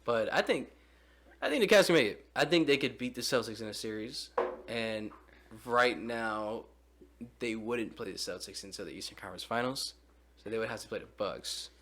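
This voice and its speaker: A man's voice: fairly low pitch, moderate pace, fairly bright tone, slight background noise. A young man co-hosting a podcast in casual, slangy conversation with his friends. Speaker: podcast co-host.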